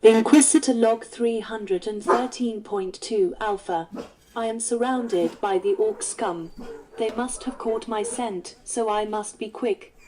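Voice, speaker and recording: A woman's voice: fairly high pitch, a little slow, a little mellow, lightly acted, rough recording. A woman voicing a female inquisitor recording a formal field log for a tabletop game, delivered in a clipped, report-like manner. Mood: urgent.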